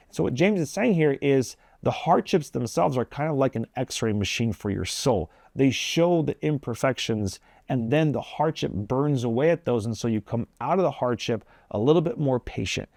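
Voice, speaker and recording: A man's voice: mid-range voice, a little mellow, no echo, clean studio sound. A man hosting his own video, giving a casual, earnest devotional talk in plain everyday language. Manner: conversational, plain-spoken, earnest. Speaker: video host.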